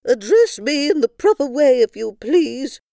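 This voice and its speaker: A woman's voice: high voice, sing-song, unhurried, gravelly, dark tone, no echo, clean studio sound, voice pushed up, exaggerated voice. A woman voicing a bossy, moody cow queen from a storybook who sneezes and demands proper titles. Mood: imperious. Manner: haughty, imperious, sneezing.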